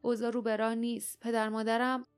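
A woman's voice: on the high side, little pitch movement, clean tone, soft background music, lightly acted. A woman reading the lines of a grieving, hot-tempered young male hero in an audiobook, in an urgent, strained way.

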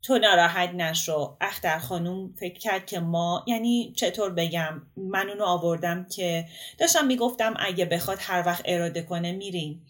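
A woman reading a story aloud, voicing a smooth-talking middle-aged male writer who makes ceremonious introductions and coaxes his friends. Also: fairly low pitch, close to an everyday voice. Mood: soothing. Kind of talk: audiobook character reading.

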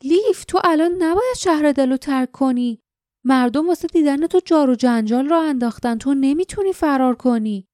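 A woman voicing a fierce, blunt young woman warrior in an audiobook, sharp and indignant. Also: medium pitch, no echo, studio quality, natural voice.

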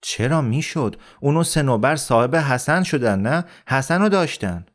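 A man's voice: mid-range voice, expressive, pitched above the performer's own voice, natural voice. A man reading the part of an upset young man who protests in an agitated, raised voice in an audiobook. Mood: disbelieving.

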